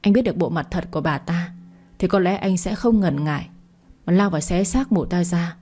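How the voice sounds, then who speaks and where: Low, mellow woman narrating a story. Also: brisk, faint music behind. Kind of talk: scripted narration of a family drama story.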